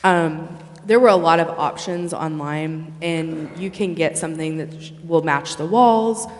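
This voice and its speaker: Presenting bids to a city council, a staff member fields questions during a public meeting in a council chamber, the echoey indoor hall ringing around a mid-range, unhurried voice. The manner is hesitant and apologetic.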